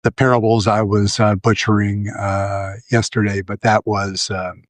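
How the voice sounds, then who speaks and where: Guy on his livestream, slow drawn out talk, rambles with tons of uhs, dry little room. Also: fairly low pitch, little pitch movement, dry recording. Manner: rambling, many fillers and restarts. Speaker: livestream host. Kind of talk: casual political commentary.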